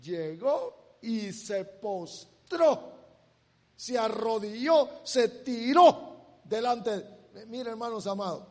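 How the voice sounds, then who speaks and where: A man preaching a sermon in a very high voice, drawing his words out slowly. He is emphatic and keeps repeating himself as he urges the congregation to look. A long reverb trails after his words. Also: lively intonation, a little mellow.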